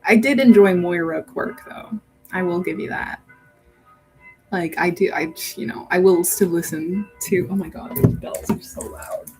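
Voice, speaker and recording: A woman's voice: on the low side, unhurried, music in the background, rough recording. A woman hosting a casual livestream. She talks in a chatty, giggly, rambling way, often restarting her sentences. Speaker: livestream host.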